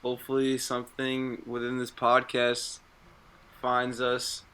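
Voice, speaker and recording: A man's voice: mid-range voice, completely flat delivery, measured pace, sharp tone, clean tone. A twenty-year-old man chatting casually on a podcast in a laid-back, easygoing way. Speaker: podcast co-host, college student. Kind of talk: casual chat.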